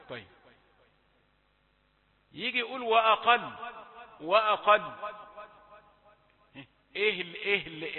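A man with an Egyptian accent leads a Quran recitation lesson in a high voice. He draws verses out in slow chant, then breaks into brisk colloquial corrections. The sound is thin and phone-like, with a long reverberant tail. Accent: Egyptian Arabic. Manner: chants verses slowly, then explains in quick colloquial asides.

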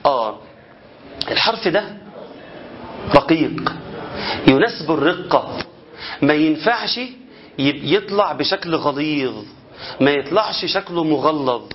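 A man's voice: a little high, muffled recording, slight background noise. A man with an Egyptian Arabic accent teaching Quran recitation, who keeps asking rhetorical questions and demonstrating how letters should sound. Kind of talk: spoken lesson on tajweed.

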